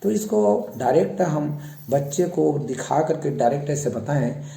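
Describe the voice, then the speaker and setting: A man teaching English words for face parts to children in speech, slowly repeating each word. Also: on the high side, animated, vocal fry, dark tone, reverberant. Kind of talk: slow explanatory lesson for children.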